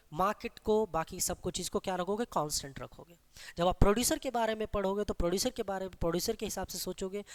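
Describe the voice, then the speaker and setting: An economics teacher leading an exam-prep class. The teacher keeps asking the class questions and answering them, then slows down to dictate definitions. The voice sits at a middle pitch. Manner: mixes English terms into Hindi explanation.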